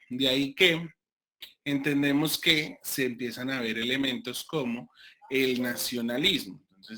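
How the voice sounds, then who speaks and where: A man from Colombia with a Colombian accent, giving an online class as a lecturer, talking deliberately with many fillers and restarts. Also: medium pitch, pushed and bright. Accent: Colombian Spanish. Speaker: university lecturer.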